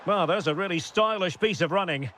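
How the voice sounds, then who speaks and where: Male play-by-play caller, high and bright tone, punchy name calls. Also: a little fast, a little hiss or hum. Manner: calls player names, rises sharply on goals and chances. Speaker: play-by-play football commentator. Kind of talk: video game match commentary.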